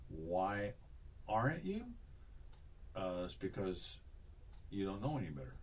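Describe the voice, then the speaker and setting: Male voice teacher coaching a student; lively, expressive delivery, recorded from across the room. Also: low voice, a little slow, breathy edge, far from the mic. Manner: coaching, demonstrates vocal exercises, repeats himself. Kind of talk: one-on-one singing lesson.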